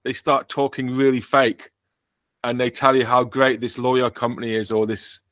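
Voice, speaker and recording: Bright-voiced English man hosting a podcast. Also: medium pitch, level tone, normal speed, no echo. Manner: dry, joking, self-mocking. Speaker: podcast host. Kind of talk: casual podcast chat.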